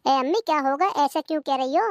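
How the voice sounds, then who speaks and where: A woman's voice: high voice, fast. A woman voicing a young married daughter in a cartoon comedy, who stands up for her mother. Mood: concerned. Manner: concerned, then confrontational.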